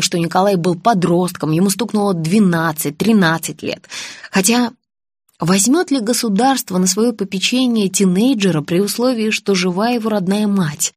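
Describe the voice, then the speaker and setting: A young woman narrating a first-person audiobook in a lively storytelling voice and voicing the dialogue. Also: medium pitch, husky, dry recording, studio quality.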